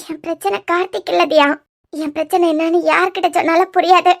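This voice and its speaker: A woman's voice: very high-pitched, little pitch movement, brisk, creaky. A woman voicing Pavi, a weary, worried young working woman in a cartoon series, speaking in a troubled way with a Kanyakumari Tamil accent. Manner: troubled, pleading. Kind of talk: cartoon web series voice acting.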